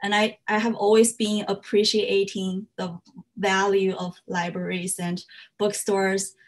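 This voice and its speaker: A woman's voice: mid-range voice, little pitch movement, unhurried. Chinese-born woman giving an earnest talk. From China. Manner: earnest, frequent "uh" fillers, slightly non-native grammar. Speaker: fiber artist giving a library talk. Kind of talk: slide presentation talk.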